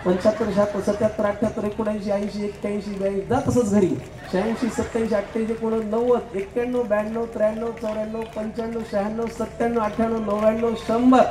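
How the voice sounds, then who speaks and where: A man hosting a live stage game, joking with contestants and counting aloud quickly. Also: high voice, level tone, dark tone. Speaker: game show host. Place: event hall stage. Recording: echoey hall, faint crowd murmur.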